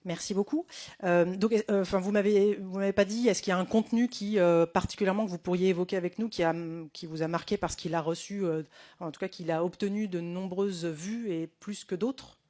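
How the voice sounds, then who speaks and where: Woman, hearing rapporteur, formal questions, hesitant, lots of fillers, mid pitch. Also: steady tone, fairly quick, dark tone. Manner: hesitant, many fillers, long winding questions.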